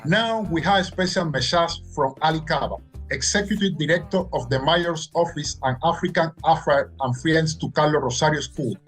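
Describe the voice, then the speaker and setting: A man's voice: a little high, normal speed, fairly bright tone, faint music behind. A man, a student co-host, reading upbeat scripted introductions between segments. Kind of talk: scripted event hosting.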